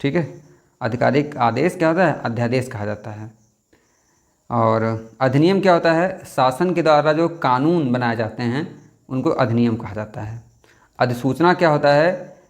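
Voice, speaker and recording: Self-correcting man teaching spelling. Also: mid-range voice. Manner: thinks aloud, repeats words and corrects himself; drawls words out slowly to spell them. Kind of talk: exam practice lesson.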